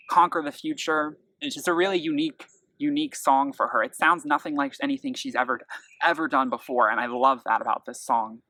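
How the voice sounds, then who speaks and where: A man's voice: medium pitch, pushed and bright, no room sound, rough recording. A man giving a casual, enthusiastic spoken album review, talking freely with many fillers and restarts.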